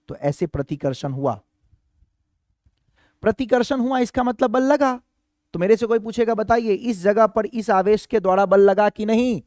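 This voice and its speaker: A man's voice: sits high, darkish tone, dry recording, studio quality. A man teaching a physics lesson to students, often asking them questions and acting out what a student might ask. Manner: asks students repeated questions, acts out student voices. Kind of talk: classroom physics lecture.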